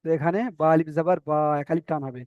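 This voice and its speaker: A male teacher, giving a step-by-step recitation lesson, spelling out letters slowly and repeating syllables. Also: a little high, no echo, highs cut off. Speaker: Quran reading teacher.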